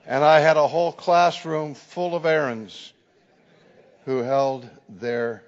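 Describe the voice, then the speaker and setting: A man's voice: fairly high pitch, fairly even intonation, slow, a little hiss or hum. A man preaching a sermon as a dramatic storyteller. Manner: dramatic storyteller who acts out the people in his stories. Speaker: preacher and teacher. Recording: long hall reverb, dull lo-fi 2007 audio.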